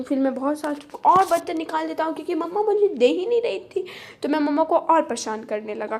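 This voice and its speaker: A woman voicing a mischievous, boastful little boy, narrating his day in a playful sing-song way with lots of repetition. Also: high-pitched.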